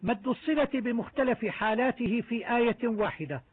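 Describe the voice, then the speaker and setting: A man teaching the rules of Quran recitation, explaining each point in a methodical, measured way. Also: extremely high pitch, slight background noise. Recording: narrow tinny phone-like sound.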